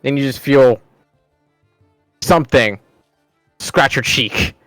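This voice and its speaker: Male game master, measured suspenseful fantasy narration, dry recording, faint music underneath. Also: medium pitch, lively intonation, fairly bright tone, no room sound.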